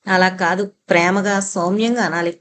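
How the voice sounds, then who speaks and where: A woman voicing a playful, cheeky young man who teases, sulks and shouts dramatically. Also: lowish voice, fairly even intonation, normal speed, a little hiss or hum, close to an everyday voice. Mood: playful shouting. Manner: teasing, sulky, shouts dramatically.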